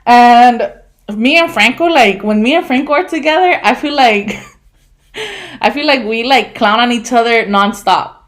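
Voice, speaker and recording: A woman in her twenties telling stories on a casual podcast, animated, laughing and swearing, with lots of fillers. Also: a little high, unhurried. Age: 20s. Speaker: podcast co-host. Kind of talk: casual storytelling chat.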